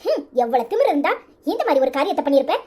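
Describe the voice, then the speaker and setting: A furious village woman from a Tamil cartoon, speaking with a Tirunelveli accent. Her voice is fairly high but pushed lower and heavier as she berates relentlessly. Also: very animated, fast talker, a little mellow. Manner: harsh, berating. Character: fierce protective woman, furious scolder. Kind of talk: cartoon voice acting.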